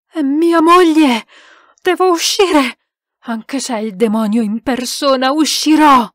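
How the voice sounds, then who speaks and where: A woman reading an audiobook aloud, voicing a desperate gentleman who barks urgent orders. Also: on the high side, normal speed, dry recording, studio quality, natural voice. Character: desperate commanding English gentleman.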